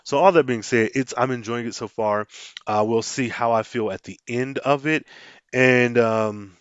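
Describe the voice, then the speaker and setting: A man's voice: medium pitch, normal speed, clean tone, no room sound, highs cut off. A man hosting his own podcast, chatting casually and animatedly, often restarting his sentences and acting out quotes. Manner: animated, frequent restarts, mock-dramatic quotes. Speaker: podcast host. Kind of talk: casual solo podcast talk.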